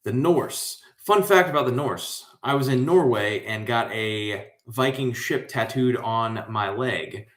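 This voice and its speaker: A man's voice: medium pitch, slow pace, hardly any pauses, fairly bright tone. American man, trivia host, slangy and rambling, laid-back pace, roomy echoey sound. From Central Florida, USA. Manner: slangy, hyped, rambling asides. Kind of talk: casual livestream trivia hosting. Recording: echoey room.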